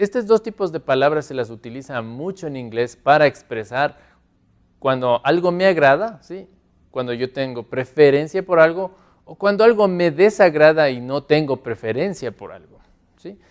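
A man who speaks Spanish natively, teaching an English lesson, modelling phrases slowly and repeating them with care. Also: on the high side. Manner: slow, careful modelling of English phrases with repetition. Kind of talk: classroom lesson. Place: classroom with a board.

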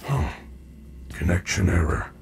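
An actor playing a gentle, caring male robot bear animatronic, speaking in calm, polite, formal phrases in video game dialogue. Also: low-pitched, unhurried, creaky, over a noisy crowd, full character voice. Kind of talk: video game dialogue played during gameplay.

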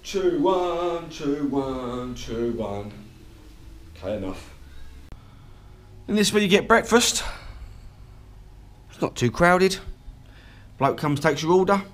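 Filming himself outdoors with an action camera at arm's length, a motorcycle vlogger in his forties talks chattily and plainly about his travels around hotel grounds and a ferry deck. His voice runs on the high side, expressive and slow, with frequent pauses. Background noise comes through clearly on the outdoor recording.

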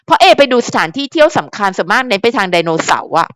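Chatty young female fan channel host, fairly high voice, close and dry, rambling casual commentary. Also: quick pace, no echo. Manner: chatty, animated, rambling with fillers.

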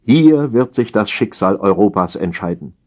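A man's voice: lowish voice, lively intonation, moderate pace, a little mellow. A man playing a grave emperor. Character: solemn male emperor commanding his generals.

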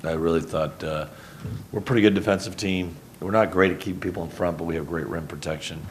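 A middle-aged man from Houston, a head basketball coach, answering reporters after a game in a rambling, self-correcting, low-key way, speaking into a table mic in a press conference room. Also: fairly even intonation, fast, slight background noise. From Houston, Texas. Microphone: table mic on a stand.

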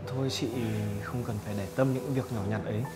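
An actor playing a kind neighbor who calmly reassures a woman, with music behind. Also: mid-range voice, fairly quick, natural voice. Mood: reassuring. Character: kind, calm male neighbor. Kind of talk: web drama acting.

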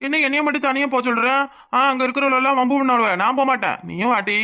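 A boastful young village husband brags and fusses over his wife in a swaggering, playful manner, as a voice actor puts him on. He talks fast with a bright, forward tone and a southern Tamil accent. He is a cartoon laborer who is proud of his strength. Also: high voice. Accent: southern Tamil (Tirunelveli). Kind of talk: cartoon voice acting.

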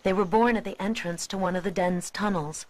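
A woman reading scripted nature documentary narration in a measured, expository way. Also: medium pitch, a little mellow, slight background noise, low-quality recording.

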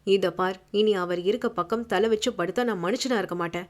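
A woman's voice: medium pitch, normal speed, natural voice. A woman voicing a stern, protective young man who scolds in firm, clipped words, in an audiobook.

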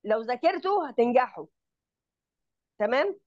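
An Egyptian-accented woman tutors grammar over a video call, her voice pitched a little high and sounding dry and close. She explains each point step by step and keeps asking whether her student follows. The call audio is somewhat muffled and lo-fi. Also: expressive, moderate pace, a little mellow, dry recording. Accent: Egyptian Arabic. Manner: explains step by step, checks understanding often. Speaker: Arabic grammar teacher. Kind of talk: online tutoring lesson.

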